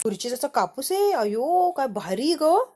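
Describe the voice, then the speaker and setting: A woman's voice: high voice, big pitch swings, normal speed, dark tone, pitched above the performer's own voice. A woman voicing a chatty village girl who gushes in rustic exclamations at a fancy room. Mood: amazed, gushing. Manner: rustic dialect exclamations, gushing. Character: excited village girl, wide-eyed, chatty.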